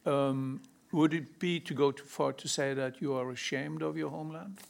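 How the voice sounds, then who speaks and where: Creaky, higher-voiced male interviewer. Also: fairly even intonation, moderate pace. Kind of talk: conversational interview questioning.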